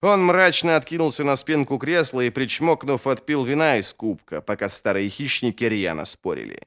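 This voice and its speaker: A man narrating a fantasy novel as an audiobook reader in an expressive, scripted style. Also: mid-range voice, normal speed. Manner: expressive, varied intonation.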